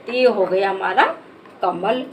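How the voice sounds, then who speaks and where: A woman teacher, spelling out words letter by letter in a slow, patient lesson for children. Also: mid-range voice, background noise. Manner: patient, spells letters one by one, calls listeners "beta".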